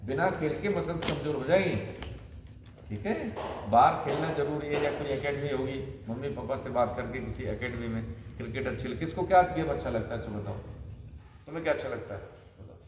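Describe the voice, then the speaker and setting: A man's voice: medium pitch, fairly quick. A man teaching a children's class in casual talk, chatty and often checking that they understand. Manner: chatty, asks frequent check-in questions. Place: temple hall. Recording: echoey hall, far from mic, noise.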